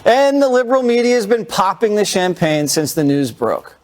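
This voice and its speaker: A male news anchor reading a scripted report in a crisp, brisk delivery. His voice sits a little above the usual male range, and every line is tight and to the point. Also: high-pitched, sing-song.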